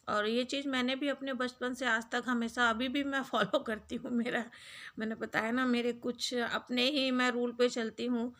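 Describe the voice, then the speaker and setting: Mom vlogger lady, slightly high bright voice, soft motherly advice to little girls. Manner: gentle, motherly, speaks directly to young girls. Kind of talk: casual advice talk to camera.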